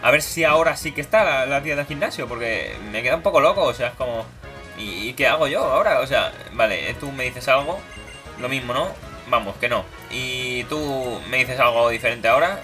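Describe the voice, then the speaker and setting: Brisk and bright, with a forceful edge, a young gaming YouTuber narrates his playthrough in a casual, playful Let's Play. Game music sits behind his voice, and he gives the characters silly high voices.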